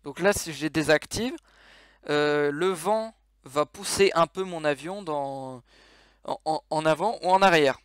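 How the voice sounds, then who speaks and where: A man's voice: fairly high pitch, unhurried, a bit bright, clean tone, no room sound, studio quality. A man giving a casual game tutorial over his screen, explaining controls with many fillers and restarts.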